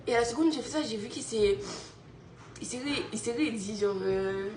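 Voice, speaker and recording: Her voice is a little high and somewhat dark, moving at normal speed. A young mother from Guadeloupe, she tells a friend a story over a phone video call with animation, frequent laughter and checks of "you see?" The room is echoey and homey, with slight hiss or hum, in this casual storytelling chat.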